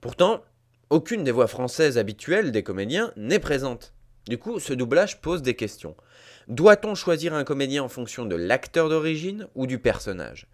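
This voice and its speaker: A man's voice: mid-range voice, sing-song, normal speed. A man hosting a scripted commentary, talking emphatically and addressing listeners directly. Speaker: host.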